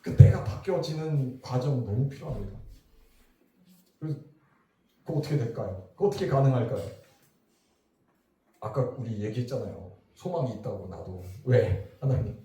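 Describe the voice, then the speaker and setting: A middle-aged man preaching a revival sermon, his mellow voice swinging up and down as he questions the congregation. The sound is very echoey, picked up from some way off the mic. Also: medium pitch, moderate pace, pauses often, distant mic. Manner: lively, talks to the crowd with questions. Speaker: pastor. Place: church hall.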